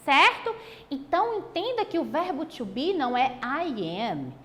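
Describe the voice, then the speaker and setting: A Brazilian woman teacher with a high, very lively voice that swoops up and down. She draws out her example phrases slowly. The recording carries a long echo, as if she were in a big hall. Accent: Brazilian Portuguese. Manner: animated, drawn-out examples. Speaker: English teacher. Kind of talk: recorded online lesson.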